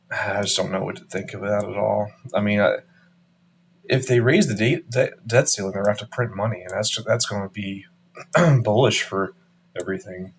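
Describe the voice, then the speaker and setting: Low-voiced man rambling, voice going hoarse. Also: slight background noise. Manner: rambling, restarts often, trailing off. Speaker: crypto channel host. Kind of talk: casual market commentary.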